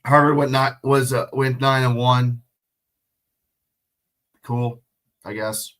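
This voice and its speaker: Taking it slowly, a man with a mid-range, somewhat bright voice and fairly even intonation provides casual solo play-by-play of a football game on a livestream. He's sick and sniffly, swears, and chats with viewers, answering their questions.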